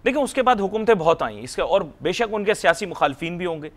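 A man's voice: sits high, sing-song, quick pace. A man hosting a studio business talk show, chatty, jumping in and telling anecdotes. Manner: chatty, jumps in, tells anecdotes. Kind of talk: studio discussion.

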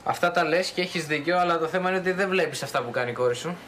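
A man's voice: fairly high pitch, a bit bright, a little hiss or hum. A man acting a husband in a TV drama, defensive and dismissive. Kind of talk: acted TV drama dialogue.

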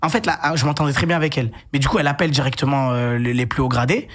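A young man telling a long personal story in a casual chat as a guest, rushing through anecdotes with frequent restarts and asides. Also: medium pitch. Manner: rapid animated storytelling with many restarts and asides.

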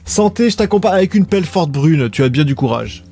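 A man casually chatting with viewers as he hosts a live stream of old adventure games, rambling in a relaxed way. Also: fairly high pitch, a little fast, soft background music.

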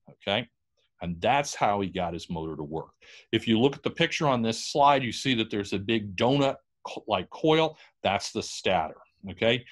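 A man giving an informal, animated history lecture, telling stories and acting out quotes. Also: fairly low pitch.

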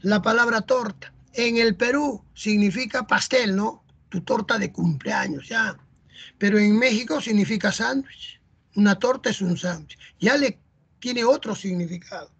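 The audio is dull, and the voice is medium-pitched, creaky, fairly bright and slightly rough, moving at a measured pace. A teacher from Peru with a Peruvian Spanish accent is chattily explaining a lesson, sprinkling in rhetorical "¿no?" and "¿ah?".

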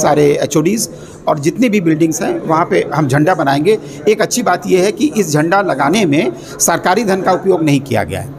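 Addressing the press through a bunch of handheld mics, a middle-aged university official with a fairly high pitch and vocal fry gives a measured, earnest statement full of pauses and fillers. He stands in a busy indoor exhibition corridor, with crowd chatter audible behind.

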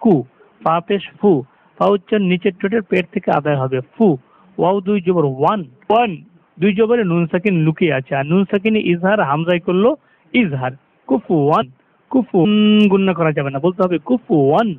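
A man teaching Quran recitation, explaining pronunciation rules step by step and slowly chanting the verses. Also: sits high, dry recording. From Bangladesh. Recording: tinny lo-fi phone-like sound.

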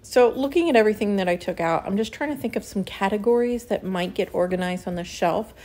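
A woman's voice: mid-range voice, quick pace, darkish tone. Chatty woman narrating a home vlog. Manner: chatty, laughs lightly mid-sentence. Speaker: home organizing vlogger. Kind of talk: casual voice-over narration. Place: home kitchen with pantry, indoors.

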